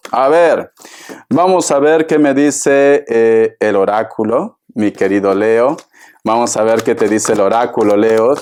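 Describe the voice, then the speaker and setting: A man's voice: mid-range voice, darkish tone. A man giving a tarot reading straight to the viewer in a theatrical, chatty way, calling the listener darling. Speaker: tarot reader.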